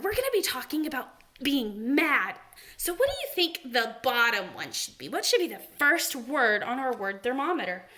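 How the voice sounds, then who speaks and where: A young woman teaching second graders a word lesson, animated and sing-song, gasping with excitement as she talks to the children. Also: a little high. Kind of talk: remote read-aloud lesson for young children.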